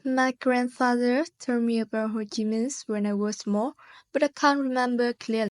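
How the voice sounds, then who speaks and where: A woman voicing a shy young female tourist in a student skit, speaking softly and hesitantly. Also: a little high, fairly even intonation, moderate pace, no room sound, clean studio sound, pitched above the performer's own voice, natural voice. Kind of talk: student skit role-play. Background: background music.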